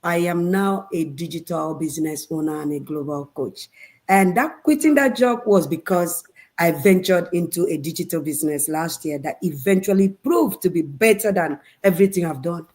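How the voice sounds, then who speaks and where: A woman's voice: lowish voice, normal speed, a little mellow. A woman from Nigeria, a mother of five, chatting proudly as a panelist. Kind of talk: casual panel chat.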